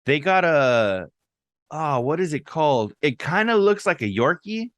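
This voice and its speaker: A slightly high male voice with big pitch swings comes through at a somewhat slow pace. It belongs to a young man co-hosting a podcast, casually storytelling with slang and a handful of Spanish words.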